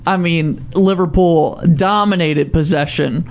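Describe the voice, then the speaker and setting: Creaky, higher-voiced male sports show host. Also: measured pace. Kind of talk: casual sports talk banter.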